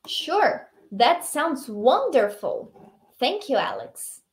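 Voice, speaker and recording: A woman reads a polite female tourist's lines in a practice dialogue, slowly and clearly, with no change of voice. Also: high-pitched, big pitch swings, full character voice. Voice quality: teacher's own voice, changes intonation only. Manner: slow, carefully articulated model reading.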